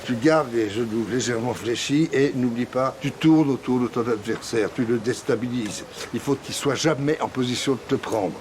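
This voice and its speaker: An actor playing a gruff older retiree who coaches a young man in boxing, blunt and commanding. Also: mid-range voice, moderate pace, few pauses, a little mellow, a little hiss or hum, natural voice. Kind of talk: film dialogue.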